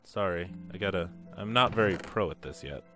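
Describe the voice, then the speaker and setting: A young man hosting casual gameplay commentary, joking and laughing often, with excitable bursts. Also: low voice, a little fast, soft background music. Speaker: gaming channel host.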